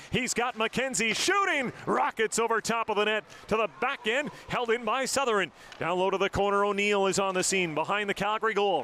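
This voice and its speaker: High bright-voiced man calling hockey play-by-play. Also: a little hiss or hum. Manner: rapid clipped calls of each pass and shot. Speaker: play-by-play announcer. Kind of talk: live hockey play-by-play commentary.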